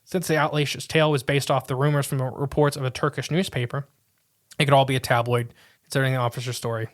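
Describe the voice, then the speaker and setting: His mid-range voice stays level as he reads quickly. The man, a podcast co-host, narrates a weird tale with casual interjections, repeatedly tripping over words and beginning again.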